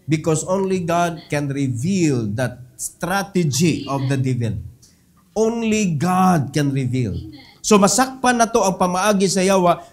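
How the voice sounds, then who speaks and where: A middle-aged male pastor with a Cebuano accent, preaching in a high voice. He swings from loud, ringing exhortation to soft, low asides, dropping English phrases into his sermon. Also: lively intonation, unhurried.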